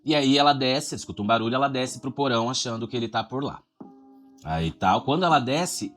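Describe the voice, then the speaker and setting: A man retells a horror movie scene by scene in loose, excited chat. He swears freely and keeps a mid-range voice. Soft music plays under him. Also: mid-range voice. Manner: animated, profane storytelling with slang. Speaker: horror film reviewer. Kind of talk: casual film recap.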